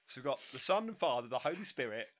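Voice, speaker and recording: A man's voice: mid-range voice, sing-song, quick pace, fairly bright tone. A man with an Essex accent co-hosting a podcast, chatting casually, giggling often and steering the talk with questions. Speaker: podcast co-host. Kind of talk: casual banter.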